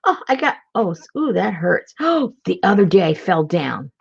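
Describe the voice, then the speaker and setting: A woman's voice: fairly low pitch, big pitch swings, moderate pace, creaky, a little hiss or hum. A woman hosting a casual crafting video, chatting while she works and laughing often as she tells stories. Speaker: junk journal crafter and channel host. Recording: slightly dull lo-fi recording.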